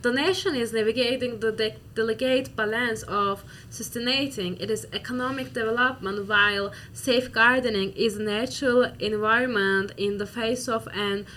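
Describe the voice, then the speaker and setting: A woman's voice: a little high, fairly even intonation, moderate pace, few pauses, bright, forceful tone, slight background noise. A woman from Turkey with a Turkish accent, reading formal prepared remarks in a student discussion. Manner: formal, recited delivery.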